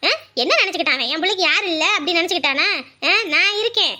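A woman playing a fiery, outspoken middle-aged village mother who scolds fast and loud. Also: extremely high pitch, exaggerated voice. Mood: furious. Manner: loud scolding, rapid-fire outrage. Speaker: mother in a family drama. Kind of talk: web drama acting.

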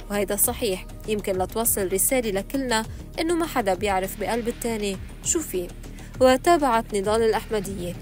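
A woman narrates scripted entertainment news in a mid-pitched voice. She reads at a quick pace over faint background music. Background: soft music.

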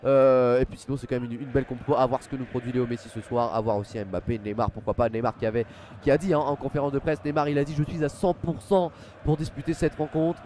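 A young French man hosts a live football stream from a desk in a small room at home, wearing a headset mic. His mid-range, darkish voice is steady and quick as he gives pre-match commentary, reads chat, thanks viewers by name and uses lots of fillers, with a little hiss or hum.

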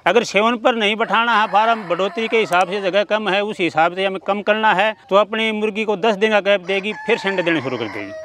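A man's voice: sits high, a little fast, few pauses, a bit bright, a little hiss or hum. A middle-aged man, a poultry farmer explaining his work earnestly, step by step, in an outdoor interview. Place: outdoor farm among chickens. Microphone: handheld mic at mid distance. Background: chickens clucking and crowing.

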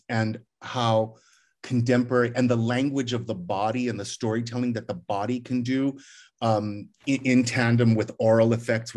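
A middle-aged theater director talks over a video call from his living room, reflective and rambling, often restarting his sentences. He has a medium-pitched, darkish voice in this casual conversation.

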